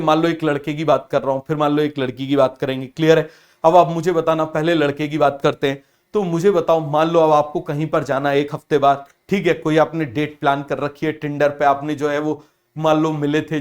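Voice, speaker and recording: Young male biology tutor, a bit high, lively, keeps quizzing students, acts out skits. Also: clear, resonant tone. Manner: lively, asks the class often; acts out family scenes in other voices. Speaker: teacher. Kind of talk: biology lecture with comic examples.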